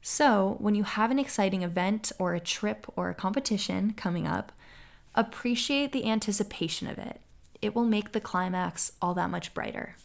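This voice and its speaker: Speaking at a moderate pace in a gravelly, medium-pitched voice, this young American podcast host responds to listener questions. She does the solo Q&A in an upbeat, earnest way.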